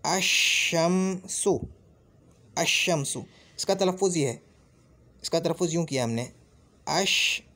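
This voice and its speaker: Urdu-accented guy teaching arabic grammar, voice a bit high, keeps drilling each sound again and again. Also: expressive, fairly bright tone. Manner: repeats sounds slowly and drills each letter. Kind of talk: classroom-style grammar lesson.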